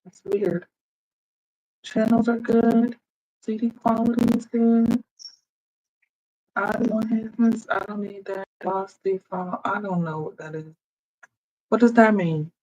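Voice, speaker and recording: Unhurried, chatty streamer at a computer, muttering through audio settings and talking straight to viewers; middle pitch. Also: fairly even intonation, darkish tone, rough recording. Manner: thinks aloud while fixing audio settings. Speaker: livestreamer. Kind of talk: casual live stream chat. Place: at a computer, indoors. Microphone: computer microphone, wearing headphones.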